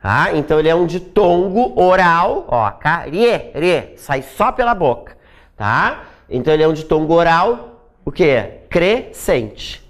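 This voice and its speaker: A grammar teacher leads a recorded exam-prep lesson, the voice sitting at a mid pitch but swinging widely up and down. Nearly every point closes with a quick checking "tá?" or "né?". Key rules are said over and over, and example words are drawn out slowly to show how they sound. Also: very animated. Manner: repeats key points for emphasis.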